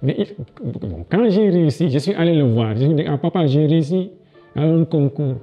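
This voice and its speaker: Muffled audio with faint background music carries a middle-aged man's fairly high, expressive voice and his Senegalese French accent. He's a guest education official answering interview questions and sharing personal anecdotes via lapel mic from an indoor office with a large window. He falters with restarts and repeated words, yet his storytelling picks up energy.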